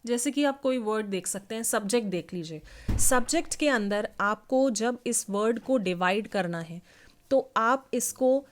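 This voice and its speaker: A woman with an Indian accent teaching an English phonology lesson, reading definitions slowly and explaining in a mix of Hindi and English. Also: on the high side, lively intonation. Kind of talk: online class lesson.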